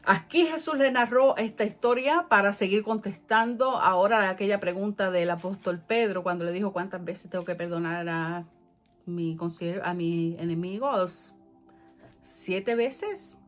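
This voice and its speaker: A woman teaching a Bible study, reading scripture aloud and explaining it, rising and louder at the key verses. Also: medium pitch, steady tone, moderate pace, faint music behind.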